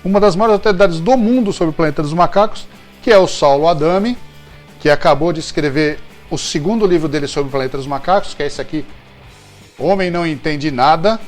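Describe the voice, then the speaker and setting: Brisk and slightly high-voiced, this Brazilian host keeps up casual, joking trivia talk over faint background music. Self-corrections pop up often as he goes.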